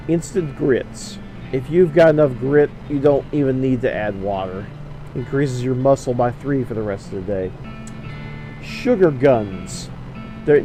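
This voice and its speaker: A man's voice: medium pitch, low-quality recording. A man giving let's play commentary, reading game text aloud and commenting as he plays. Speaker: gamer playing and narrating a video game. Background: game music with guitar.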